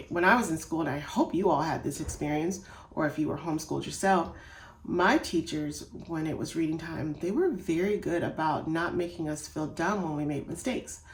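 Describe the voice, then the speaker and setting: A woman gives homeschool reading tips and talks straight to parents. She sounds calm and encouraging, with a fairly low voice. The recording picks up the echo of the room. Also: vocal fry, a little hiss or hum. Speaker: homeschool teacher giving tips. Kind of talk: casual instructional talk. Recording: echoey room.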